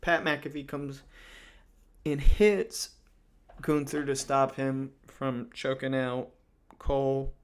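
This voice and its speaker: A man's voice: medium pitch, level tone, takes it slowly, pauses often. A man hosting a casual wrestling recap, talking loosely with lots of fillers and restarts. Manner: rambling, many fillers and restarts.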